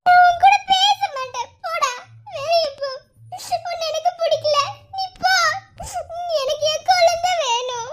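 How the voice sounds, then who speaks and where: Squeaky sobbing cartoon wife. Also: female voice, unhurried. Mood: tearful. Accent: Madurai Tamil. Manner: sobbing, scolding, childlike whine. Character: tearful young wife grieving a lost baby. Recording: loud background noise.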